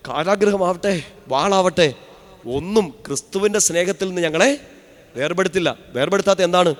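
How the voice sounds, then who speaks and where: A fairly high-voiced male priest preaches a fervent retreat sermon, sinking to near-whispers and then rising to loud calls for the crowd to answer. His voice rings out with a long hall reverb. He has a touch of a sore throat. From Kerala, India. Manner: swings from hushed to loud calls, leads congregation in responses.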